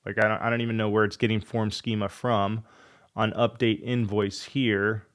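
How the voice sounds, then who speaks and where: Speaking at a moderate pace with a lowish, level and clean tone, a man hosts a coding tutorial while nursing a cold that's taking his voice. He reasons aloud in a casual way and grumbles in frustration during debugging.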